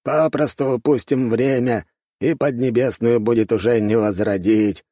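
A greedy old elder , played by a male narrator, grumbles in a husky voice set well above the narrator's own. He sounds envious and impatient. The recording is dry and close. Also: medium pitch, fairly even intonation, normal speed, mellow, no echo, voice pushed up, natural voice. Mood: grumbling.

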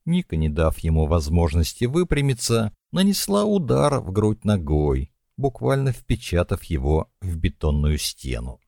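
Deep guy reading an audiobook, lots of drama in his voice, dry close mic. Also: sing-song, measured pace, creaky, hardly any pauses, mellow, no echo. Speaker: audiobook narrator. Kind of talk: scripted dramatic narration.

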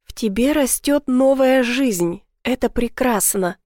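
A woman's voice: a little high, unhurried, darkish tone, dry recording, studio quality, lightly acted. A woman voicing a blunt, cursing husband. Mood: tender. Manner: blunt, swearing. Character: loving blunt adult husband who swears.

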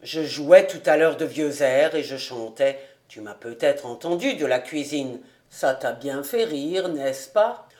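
Woman putting on a lower boastful bachelor's voice. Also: lively intonation, unhurried, darkish tone. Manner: lowered voice, bluff and self-satisfied. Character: jovial middle-aged bachelor man, boastful.

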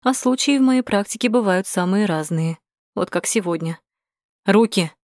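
A woman narrating a first-person audiobook in a measured, steady way. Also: mid-range voice, no room sound, clean studio sound.

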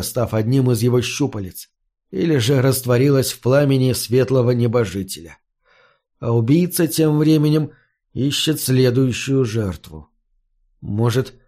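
A man narrating a first-person fantasy audiobook in a measured, somber storytelling manner. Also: mid-range voice, warm tone.

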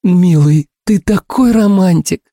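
Man putting on a shrill gushing young woman. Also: measured pace, warm tone, no echo, studio quality. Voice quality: piercing shrill voice. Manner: effusive, sprinkles every phrase with endearments. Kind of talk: audiobook character voice.

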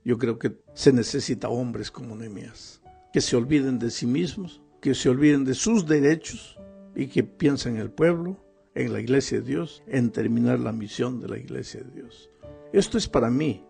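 Gravelly, husky man teaching a Bible lesson. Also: mid-range voice, dark tone, faint music behind. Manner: earnest, reads scripture slowly, addresses listener directly. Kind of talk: devotional Bible lesson commentary.

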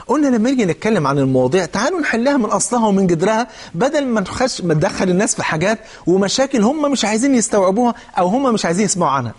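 A man preaching a colloquial religious sermon in an Egyptian Arabic accent, fervent and asking his listeners rhetorical questions. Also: high voice.

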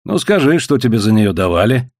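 A man's voice: mid-range voice, big pitch swings, brisk, a little mellow, no room sound, studio quality. A man voicing a cheerful, burly fur trader who talks in a bluff, coaxing way. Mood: jovial.

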